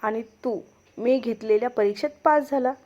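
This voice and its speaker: A scheming woman villain who taunts her captives with a laugh in her voice, voiced by a woman reading a story. The voice sits fairly high. The recording is dull and lo-fi. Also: normal speed, darkish tone, close to an everyday voice. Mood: taunting.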